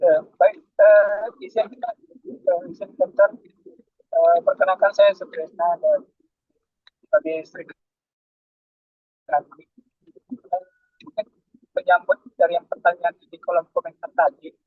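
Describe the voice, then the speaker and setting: A high-voiced man whose voice keeps breaking up over a thin, phone-like call line. He speaks hesitantly and politely, with many fillers, and the sound is flat and dry. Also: slow, pauses often, breathy edge, no echo. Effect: voice breaking up over a tinny online call line. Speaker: audience member asking a question in a webinar. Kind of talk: online webinar question. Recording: tinny, dry online call audio.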